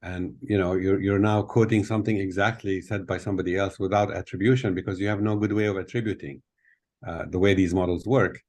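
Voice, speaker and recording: Older male guest speaker, very low voice, explains thoughtfully, fillers, laptop mic in a hotel room. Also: steady tone, fairly quick, darkish tone. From Tunisia. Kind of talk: video call Q&A. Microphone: laptop webcam on video call.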